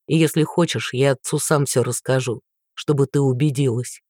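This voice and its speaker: A woman's voice: very deep voice, fairly even intonation, normal speed, a little mellow, no room sound, studio quality. A woman voicing a remorseful young man who pleads earnestly and persistently. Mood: pleading.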